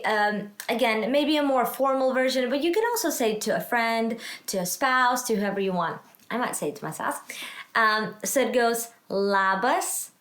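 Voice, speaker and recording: Lady teaching a language lesson, slow and careful, lots of repeats, echoey room. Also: fairly high pitch. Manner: slow, careful, repeats phrases for the learner to copy.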